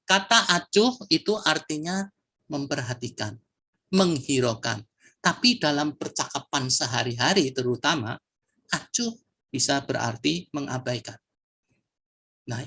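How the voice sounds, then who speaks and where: Creaky-voiced man explaining word usage. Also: medium pitch, pushed and bright. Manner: measured and reflective, poses rhetorical questions. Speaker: speaker at a poetry competition sharing session.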